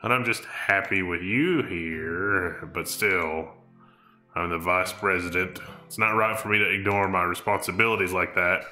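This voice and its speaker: A man voicing a shy, earnest schoolgirl in an amateur visual novel reading, hesitant and measured. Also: sits low, pushed and bright, exaggerated voice. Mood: earnest, gentle. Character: shy, earnest schoolgirl club vice president. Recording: roomy sound, music behind.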